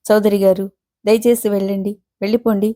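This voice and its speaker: A woman voicing a principled middle-aged male lecturer with a proud, earnest manner, read from a storybook in her own mellow voice. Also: mid-range voice, little pitch movement, brisk, close to an everyday voice. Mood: indignant.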